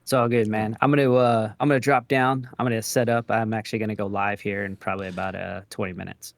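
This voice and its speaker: A man's voice: fairly low pitch, fast talker, gravelly, dry recording. A man chatting casually and signing off in a friendly way, heard over an online voice call. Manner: relaxed, friendly sign-off. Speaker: fellow streamer. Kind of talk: casual chat.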